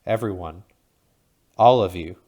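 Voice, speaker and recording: A man voicing a frightened eight-year-old boy, yelling desperate warnings in an audiobook. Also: low-pitched, measured pace. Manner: pleading, yelling in panic.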